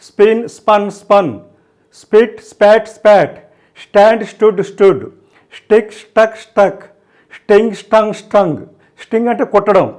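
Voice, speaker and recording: High-voiced man reciting verb drills. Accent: Telugu. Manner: steady drill-like recitation, repeating each form twice. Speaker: English grammar teacher. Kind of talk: grammar lesson, reciting verb forms.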